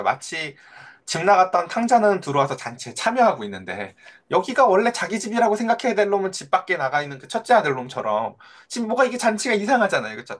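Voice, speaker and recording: A middle-aged male pastor preaching in a conversational way, asking his listeners questions and acting out the voices in his stories. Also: sits high. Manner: animated, acts out quoted voices of children and Jesus. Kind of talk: sermon.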